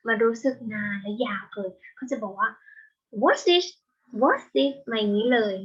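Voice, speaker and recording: A young woman teaching an English vocabulary lesson, explaining patiently step by step and slowing down on each English word. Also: medium pitch, steady tone, fairly bright tone, breathy edge. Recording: dull lo-fi home recording.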